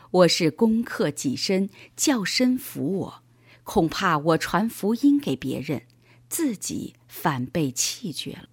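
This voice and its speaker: Husky woman reading to children. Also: lowish voice, no echo. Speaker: narrator. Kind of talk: scripted children's devotional reading.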